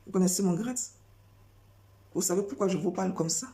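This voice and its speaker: Woman preacher, sermon delivery; low, mellow tone, insistent and repetitive, heavy on rhetorical questions. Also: brisk. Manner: insistent, repeats phrases and fires rhetorical questions.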